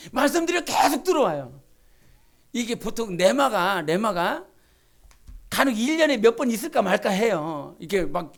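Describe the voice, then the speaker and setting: Woman pastor preaching in church, gravelly voice, goes from soft asides to loud fired-up pleading. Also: mid-range voice. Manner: fervent, swings from hushed asides to shouted pleas. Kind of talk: Sunday sermon. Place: church sanctuary.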